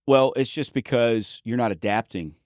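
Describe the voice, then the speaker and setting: A podcast co-host and sales trainer chats casually about sales, folksy and joking, often trailing off and restarting words. His mid-range voice moves at normal speed with a slightly mellow tone. The studio-quality recording has no room sound.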